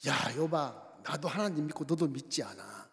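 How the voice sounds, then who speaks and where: A blunt, scolding friend , as a preacher acts him out, lecturing in a low, accusing tone. A long hall reverb hangs behind him. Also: male voice, animated, normal speed, close to an everyday voice. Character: Job's scolding male friends.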